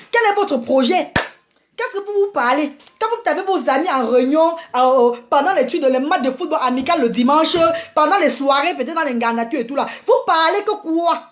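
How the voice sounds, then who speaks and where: A woman vlogger delivering an indignant, repetitive ranting monologue, scolding her listeners and calling them "maman" and "mes amis.". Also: sits high. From Africa.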